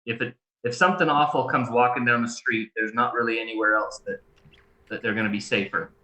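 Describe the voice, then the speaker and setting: A man narrating a tabletop game as game master, improvising and pausing mid-phrase. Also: mid-range voice, pushed and bright. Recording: echoey room.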